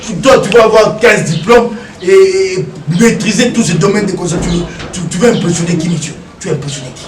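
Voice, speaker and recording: A man's voice: sits high, a little fast, few pauses, a little hiss or hum. Emphatic man, echoey and distant. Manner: emphatic, repeats phrases, rhetorical questions. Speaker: interview guest. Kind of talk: animated interview talk, mixing French and Lingala.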